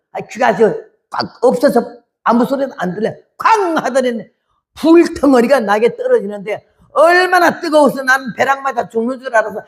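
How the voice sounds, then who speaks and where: A woman in her eighties, a missionary, giving an animated testimony sermon and acting out the voices in her story. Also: on the high side. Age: 80s.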